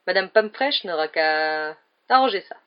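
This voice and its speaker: A woman playing a vain, show-off male teacher who talks in a loud, brassy, self-assured voice. He sounds breezily confident in an audiobook reading, with somewhat low tones and muffled, lo-fi sound. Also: expressive, a little slow, clear, resonant tone. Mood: pompous. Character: vain, pompous adult male teacher, blithely overconfident.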